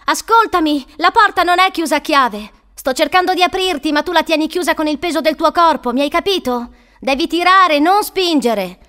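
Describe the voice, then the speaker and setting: A woman voicing a cheerful young woman who speaks in a brisk, reassuring way. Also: high voice, very animated, pitched above the performer's own voice.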